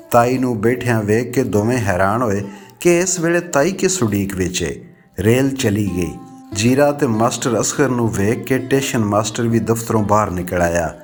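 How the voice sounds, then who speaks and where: A man narrating a rural novel in a measured, steady storytelling voice. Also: medium pitch.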